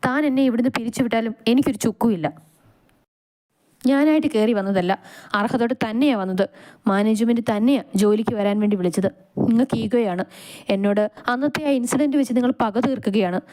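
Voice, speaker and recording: A woman's voice: a little high, a little fast, mellow, lightly acted. Woman playing a defiant young woman employee. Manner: defiant, indignant. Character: proud young woman hospital employee, hurt.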